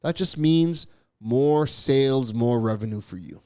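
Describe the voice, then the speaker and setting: A medium-pitched, mellow, clean voice carries this Canadian-raised man's solo business podcast monologue at an unhurried pace. He's emphatic, comes back to key phrases, and occasionally trips over words.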